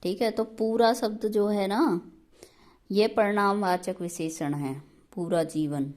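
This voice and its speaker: A woman's voice: mid-range voice, steady tone, takes it slowly, a little mellow. A woman teaching an exam prep grammar lesson, explaining patiently step by step and checking in often.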